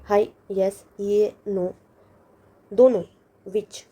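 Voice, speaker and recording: A woman's voice: medium pitch, steady tone, extremely slow, warm tone. A woman teaching a language lesson, patiently explaining and repeating each word with its meaning. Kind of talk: lesson walkthrough.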